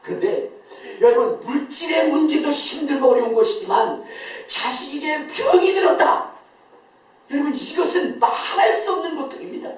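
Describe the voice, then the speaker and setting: A man's voice: very high-pitched, expressive, moderate pace, slight background noise. A male pastor delivers a Sunday sermon with emphatic, questioning energy, laughing between lines. His voice carries from a distance and rings around a very reverberant sanctuary. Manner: emphatic, quizzes the congregation, often laughing as he speaks. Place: church sanctuary. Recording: very echoey church, voice from far off.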